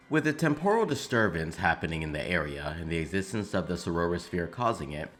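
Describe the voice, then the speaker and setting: In a low, fairly bright voice, a man gives opinionated commentary on games in video essay form. He's a video game commentary creator whose style is emphatic and casual, sometimes with swearing.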